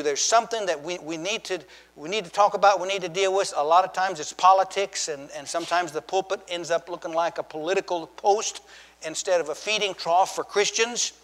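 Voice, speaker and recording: Male pastor, folksy joking sermon delivery, slightly high voice, long church reverb. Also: fairly bright tone. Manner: folksy, joking storyteller with repeated restarts.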